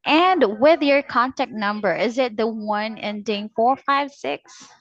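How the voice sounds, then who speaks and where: Taking her time, a woman working in telemarketing reads a scripted sales pitch on a cold call, courteous and formal toward the customer. The recording is muffled, with no room sound.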